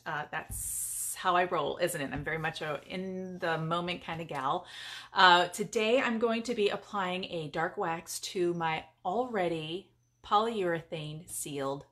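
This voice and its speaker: A woman's voice: lowish voice, animated, unhurried, fairly bright tone. Chatty upbeat woman in her garage. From California. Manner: chatty and upbeat, talking to viewers. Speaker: furniture painter and paint business owner. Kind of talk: casual live-stream demonstration. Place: home garage.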